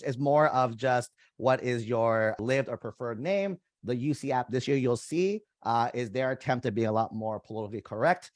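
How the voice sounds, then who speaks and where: In a clean, dry studio recording, a young man with a mid-range voice works as a college admissions coach and speaks Vietnamese as his first language. He walks viewers through an online application step by step in a screen-share tutorial, keeping it casual and conversational and calling his audience "you guys."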